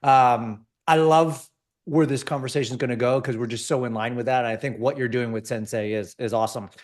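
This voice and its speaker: A man's voice: medium pitch, fairly even intonation, brisk. A man hosting a podcast interview, chatty and enthusiastic. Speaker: podcast host.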